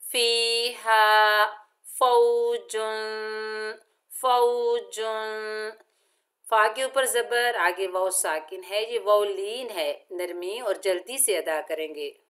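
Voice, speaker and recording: A woman teaching Quran recitation with tajweed, patiently explaining each letter and then chanting each word slowly and drawn out. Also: mid-range voice, a bit bright. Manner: patient, methodical instruction. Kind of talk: slow step-by-step recitation lesson.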